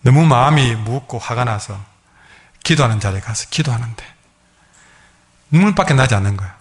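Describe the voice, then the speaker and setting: A male pastor with a Gyeongsang accent, preaching a sermon as a lively storyteller who acts out the people in his stories. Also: medium pitch, a little fast. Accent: Gyeongsang Korean. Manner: lively storyteller, acting out quoted dialogue.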